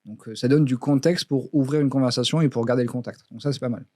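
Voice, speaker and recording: A man's voice: mid-range voice, fairly even intonation, fast talker, dark tone, dry recording. A man co-hosting a podcast in casual chat, talking hesitantly with many fillers and restarts. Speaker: podcast co-host. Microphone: studio podcast mic. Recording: dry close podcast studio sound.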